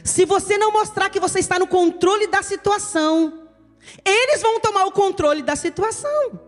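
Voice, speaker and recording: Preaching emphatically in a reverberant church hall with soft music behind her, a Brazilian pastor addresses her listeners as "querido." Her voice is very high-pitched and animated, moving at a normal speed, with a Brazilian Portuguese accent.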